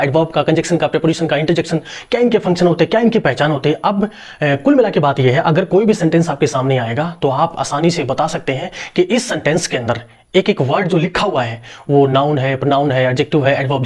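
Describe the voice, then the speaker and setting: A man's voice: on the high side, a little mellow. A young man teaching a grammar lesson, explaining step by step, asking rhetorical questions and answering them himself. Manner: reassuring fillers and repeated checks. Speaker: English teacher.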